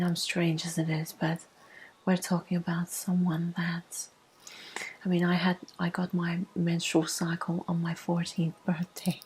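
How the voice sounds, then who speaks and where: A woman with a lowish, husky, breathy voice shares a personal story ASMR-style, speaking quietly and slowly and frequently dropping to a whisper. The recording quality is low.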